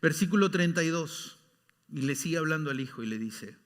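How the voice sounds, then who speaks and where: A male pastor preaching a sermon, emphatic, dropping at times into soft whispers. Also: a little high, expressive, brisk, long reverb tail. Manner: emphatic, shifting between loud exclamations and soft whispers. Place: church sanctuary.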